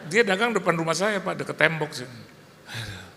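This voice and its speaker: Brief: male pastor, bright tone, anecdotal humorous sermon, echoing church hall. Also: on the high side, sing-song, fairly quick, gravelly, a little hiss or hum. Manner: humorous, anecdotal, acts out dialogue. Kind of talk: sermon storytelling. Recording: church hall reverb, faint ambience.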